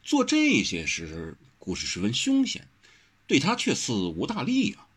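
A man's voice: mid-range voice, wildly swooping pitch, a little slow, fairly bright tone, slightly rough, pitched above the performer's own voice, exaggerated voice. A man doing a cold clanswoman, Tang Qimei. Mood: questioning. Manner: cool and cutting. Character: cold, proud young woman of a poison clan.

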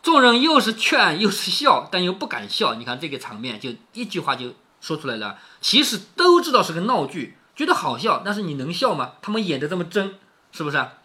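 Lively male storyteller with tag questions. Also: sits high, fairly quick. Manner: conversational, frequent rhetorical tag questions. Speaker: storyteller reading a classic novel. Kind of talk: novel reading with commentary.

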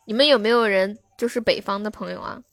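A woman's voice: medium pitch, fast, fairly bright tone, no room sound, clean studio sound, soft background music. A young woman hosting a live stream, chatting casually with her viewers and answering their comments.

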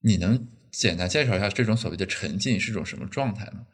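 Quick-talking low-voiced male host. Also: slightly rough. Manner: probing, curious follow-up questions. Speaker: podcast host. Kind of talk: casual podcast interview.

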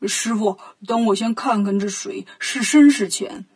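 A woman putting on a husky, boastful pig-monk. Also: medium pitch, unhurried, darkish tone. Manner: folksy, boastful, drawling. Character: greedy clumsy pig-monk disciple, male. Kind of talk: children's storytelling.

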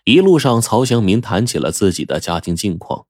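Male storyteller, folksy lively narration, husky voice, dry close sound. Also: lowish voice, brisk, no echo. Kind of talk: oral storytelling.

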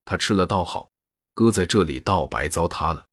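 A man reading the lines of a young maid who is gentle but sharp-tongued, in a soft, wry, reproachful way. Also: low voice, animated, moderate pace, husky, no echo, clean studio sound.

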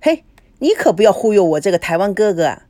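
A woman voices a smooth-talking, flirtatious middle-aged man for a storybook. He wheedles and jokes in a lively, swooping voice, recorded close and dry. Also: mid-range voice, quick pace, dry recording, natural voice. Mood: flirty, glib. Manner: wheedling and glib.

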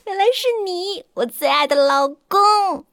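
A woman voicing an excitable, pouty young wife in a ghost story. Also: very high-pitched, measured pace, no echo, clean studio sound, pitched above the performer's own voice, exaggerated voice. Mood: playful. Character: young wife, playful, then quick-tempered and suspicious.

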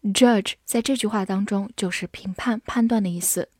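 A woman teaching English vocabulary, spelling each word out and reading example sentences slowly. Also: mid-range voice, a little mellow, dry recording, studio quality. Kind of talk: vocabulary lesson.

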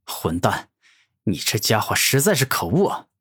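A furious monster warlord, voiced by a man in a fantasy audio story, growling threats in a low, heavy voice. He is arrogant and hot-tempered, and his pitch swings all over the place. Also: big pitch swings, moderate pace, fairly bright tone, husky, exaggerated voice.

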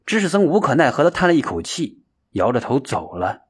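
A man narrating a story in a calm, measured storytelling style. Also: mid-range voice, breathy edge.

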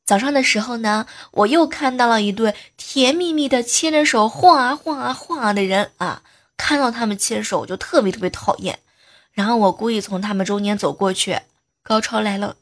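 A woman's voice: on the high side, normal speed. A woman hosting a comedy show, telling funny everyday stories in a playful, teasing way. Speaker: host. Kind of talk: comic joke storytelling.

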